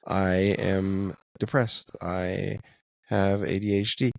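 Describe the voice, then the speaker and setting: A man's voice: low voice, level tone, slow, gravelly, no room sound, studio quality. A man co-hosting a casual faith podcast, talking in a thoughtful, hedging way and laughing often. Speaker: podcast co-host.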